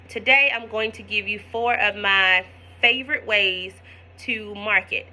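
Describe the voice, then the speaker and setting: Woman chatting thru a real estate how-to, folksy asides, real bright voice. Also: mid-range voice. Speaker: real estate investor teaching wholesaling. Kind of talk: casual tutorial vlog.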